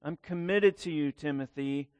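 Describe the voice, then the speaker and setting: A preacher voicing a lonely aging apostle, hushed. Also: male voice, a little high, normal speed, clean tone, no room sound, lightly acted. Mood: tender.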